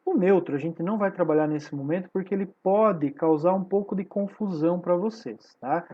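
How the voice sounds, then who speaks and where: A woman's voice: fairly low pitch, brisk, breathy edge, highs cut off. A woman with a Brazilian Portuguese accent teaching a Spanish class online. She explains patiently and keeps checking in with her students.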